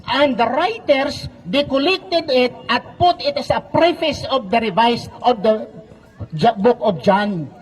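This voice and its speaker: A man's voice: extremely high pitch, animated, slow pace, breathy edge, poor audio. A Filipino man in a heated public debate, speaking into a handheld microphone, argumentative and telling the other side to relax and wait. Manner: argumentative, keeps repeating calls to relax and wait. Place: outdoor public gathering.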